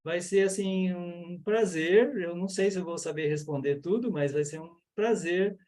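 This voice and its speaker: Brazilian man, high-pitched, earnest, explanatory, over a video call. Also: moderate pace, darkish tone. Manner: earnest, explanatory, with many fillers. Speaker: yoga and mantra teacher. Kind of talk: online lecture and Q&A.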